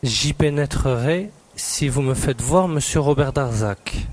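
An actor playing an eager, insistent young newspaper reporter who presses and pleads to be let in. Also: male voice, medium pitch, a little slow, darkish tone, natural voice. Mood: pleading. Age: young adult.

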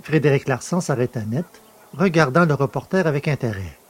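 A man narrating a story in the first person, in a measured storytelling manner. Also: mid-range voice, animated, slightly rough.

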